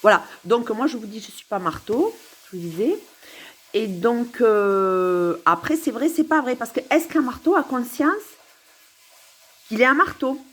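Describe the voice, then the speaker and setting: A woman talks to camera at home in a musing, meandering monologue that keeps circling back on itself. Her voice is somewhat husky and a little high, and it swings widely in pitch as she goes. She giggles now and then, and faint frying sounds sizzle in the background. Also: animated, a little slow. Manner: musing, giggly, repeats herself. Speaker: vlogger. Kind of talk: rambling philosophical monologue to camera.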